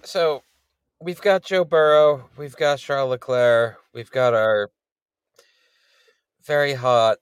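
Male podcast host, unhurried and dry-miked, jokey and a little loopy from a late night. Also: medium pitch, steady tone, clear, resonant tone, dry recording. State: a bit loopy from staying up late. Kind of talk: casual chat.

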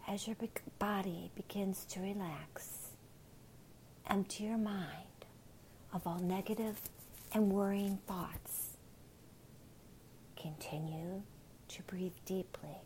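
A woman leads a guided relaxation in a hushed ASMR whisper. Her delivery is very slow and drawn out, and her voice sits low and mellow. Faint background noise lies under her voice. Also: rough recording. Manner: soft whispering, unhurried and soothing.

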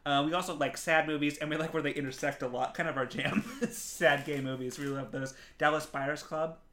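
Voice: medium pitch, fairly even intonation, fairly quick, fairly bright tone, roomy sound, slight background noise. A podcast co-host in casual chat, blunt and swearing freely, laughing often.

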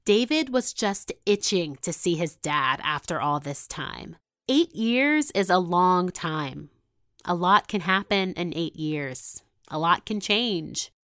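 A woman narrating a documentary story in a measured, scripted storytelling manner. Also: on the low side, expressive, a bit bright, no room sound, studio quality.

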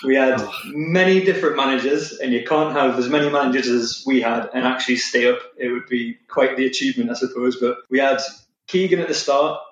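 A man's voice: medium pitch, fairly quick. A man co-hosting a casual football podcast, laughing often as he reels off old season stats. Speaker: podcast co-host presenting a history segment. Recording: roomy, dull lo-fi sound.

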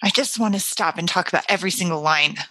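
A woman co-host talks eagerly and excitedly about a play. Her voice is low-pitched yet forceful and bright, and it is recorded close and dry. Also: fast talker, no room sound. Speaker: podcast co-host. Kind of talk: casual literary discussion.

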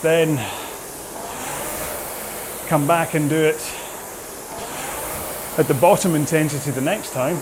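Man, rowing instructor coaching while on the rowing machine, slightly high voice, short broken phrases, clear steady background machine noise. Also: slow, pauses often. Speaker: fitness instructor leading a follow-along rowing workout.

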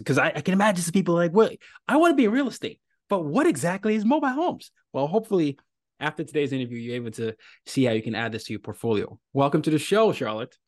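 A man's voice: medium pitch, no room sound, studio quality. Nigerian-born man hosting a podcast. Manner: animated, conversational, with frequent fillers. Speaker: podcast host. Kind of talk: interview podcast.

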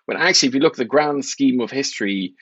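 A man's voice: medium pitch, lively intonation, fairly bright tone, slightly rough, dry recording, lo-fi sound. Articulate man from Norway, dry sound. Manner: articulate, wry, measured. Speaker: markets journalist guest. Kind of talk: conversational interview.

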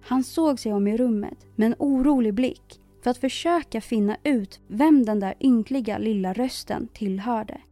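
A woman reading a children's fairy tale aloud in an expressive storyteller style. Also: fairly high pitch, few pauses, no room sound, faint music behind. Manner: expressive, emphatic repetition.

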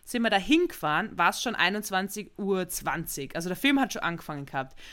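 Woman on a chat podcast, spins a story all animated, swears a lot, super casual. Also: lowish voice, fairly quick. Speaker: podcast co-host. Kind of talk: casual chat, anecdote telling.

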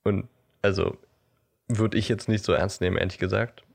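A man's voice: fairly low pitch, steady tone, moderate pace, vocal fry, breathy edge. A man chatting casually as a podcast co-host, animatedly retelling scenes from books and films.

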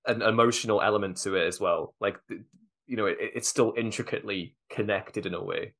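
A man's voice: fairly low pitch, brisk, fairly bright tone. A man who is a guest on a podcast, chatting casually in an easygoing, jokey way.

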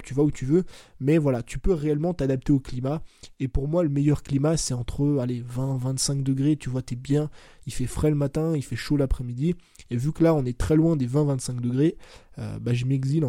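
Hosting a casual solo podcast at home, a man from France in his twenties talks loosely and informally, full of fillers like "tu vois" and "bah" and frequent self-corrections. His voice is mid-range and warm. The studio-quality recording has no echo.

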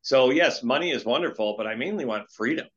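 A man's voice: mid-range voice, lively intonation, brisk, a bit bright, highs cut off. A man in his late fifties, a guest entrepreneur, talking in a casual interview in an earnest, rambling way and telling stories with animation. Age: 50s.

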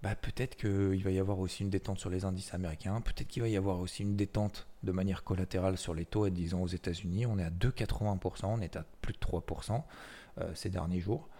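Low gravelly man. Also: fairly even intonation, fast talker, dark tone. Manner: chatty, loose, with many fillers and repeated words. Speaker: market commentator hosting a weekly recap. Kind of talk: casual spoken market commentary.

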